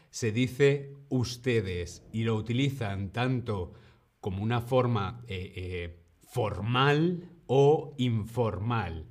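A man with a Spain accent hosting a live-streamed language lesson, speaking at a slow, unhurried pace in a voice of middling pitch. He opens with lively greetings, then settles into patient explanation, repeating each example. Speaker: Spanish teacher and streamer.

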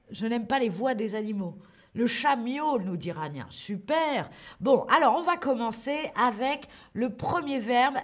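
Woman, french teacher on a livestream, slightly high voice, unhurried careful delivery, encouraging. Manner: slow, clear, encouraging, greets chat viewers by name. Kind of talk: live online language lesson.

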